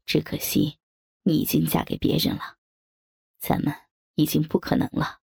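A man's voice: fairly high pitch, completely flat delivery, normal speed, creaky, darkish tone, breathy edge, exaggerated voice. A man voicing an earnest, devoted young man in an audio story, speaking steadily over faint background music. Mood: regretful. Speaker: male lead in an audio story. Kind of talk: acted dialogue in an audio story.

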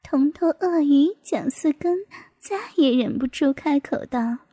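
A woman reading a martial arts novel aloud in a hushed, half-whispered narration. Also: sits high, measured pace, no echo. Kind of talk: storybook narration.

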